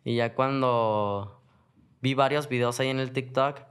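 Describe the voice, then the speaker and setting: Smooth-voiced Mexican man, slangy storyteller. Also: medium pitch, unhurried. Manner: slangy, relaxed, rambling. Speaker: guest. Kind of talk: casual storytelling.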